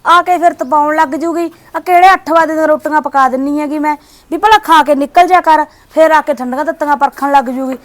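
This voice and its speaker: A harsh, sharp-tongued daughter-in-law, played by a woman in a village short drama. She scolds in a very high voice and talks quickly, brushing everything off. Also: close to an everyday voice. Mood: grumbling. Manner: scolding, dismissive, nagging.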